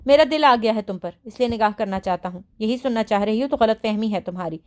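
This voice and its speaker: A woman putting on a rude young man, pushed down from her own fairly high voice into a cold, hard register. He threatens and sneers in measured, clipped lines. This is an audiobook character voice. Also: lightly acted. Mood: sneering. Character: rude, menacing young man, vengeful kidnapper.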